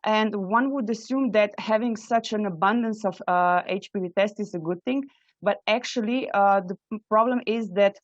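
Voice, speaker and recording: A woman's voice: mid-range voice, normal speed, no room sound. A woman in her thirties from Slovenia, speaking, gives an earnest webinar presentation with frequent hesitant fillers. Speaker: invited speaker, microbiology trainee. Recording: dull, dry webinar audio.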